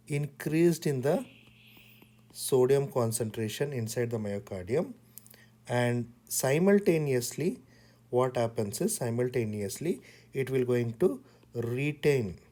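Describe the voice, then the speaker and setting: A man teaching pharmacology in a slow lecture, repeating key words in short, deliberate phrases. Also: mid-range voice, dark tone.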